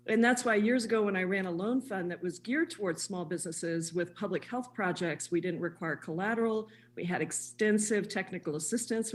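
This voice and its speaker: A woman committee member joining a congressional hearing remotely, giving a brisk, earnest statement and question. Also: medium pitch, a little hiss or hum. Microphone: remote video call.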